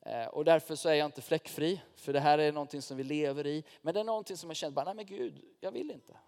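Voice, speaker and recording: A man's voice: a little high, darkish tone, smooth. Male pastor, casual conversational preaching, recorded in a church with long reverb. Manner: informal, direct address to the congregation, personal stories. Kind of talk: sermon.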